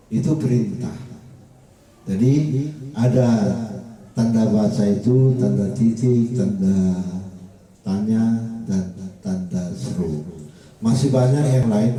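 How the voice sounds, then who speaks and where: A man lecturing at a university in a slow, halting way with many pauses and fillers, recorded from a distance in an echoey room. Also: lowish voice, dark tone. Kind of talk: recorded lecture on spelling and punctuation.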